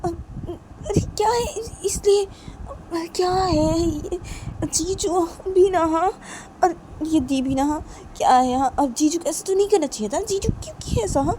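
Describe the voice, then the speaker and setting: A high, piercing young woman's voice, scolding and pleading almost in tears, as a woman storyteller puts her on. The tone stays mellow for all its height, a homemade story told aloud. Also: unhurried, a little hiss or hum. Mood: shrill, upset. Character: shrill, upset young woman, a sister-in-law.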